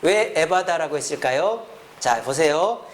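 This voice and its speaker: A man's voice: on the high side, lively intonation, a little slow, slight background noise. A middle-aged man preaching a sermon as pastor in a church, acting out the parents and children he quotes.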